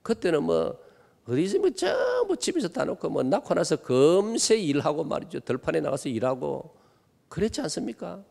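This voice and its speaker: 경상도 억양의 남성 목사, 긴 교회 잔향. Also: male voice, fairly high pitch, huge pitch swings, moderate pace, gravelly, a little mellow. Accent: Gyeongsang Korean. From Gimhae, South Korea. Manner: emphatic, rhetorical questions to the congregation. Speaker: guest pastor. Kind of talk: revival sermon. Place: church sanctuary. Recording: long church hall reverb.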